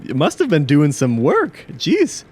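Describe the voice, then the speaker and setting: A man voicing a brisk young female clerk at a counter in a tabletop game, talking in a rambling, hesitant way. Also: on the high side, huge pitch swings, a little mellow, husky, voice pushed up, full character voice. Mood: chatty.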